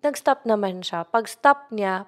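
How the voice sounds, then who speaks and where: A woman's voice: medium pitch, measured pace. A young Filipino woman with a Filipino accent, a content creator telling a personal story in casual chat and mixing in English. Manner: chatty Taglish storytelling, addresses viewer as best friend.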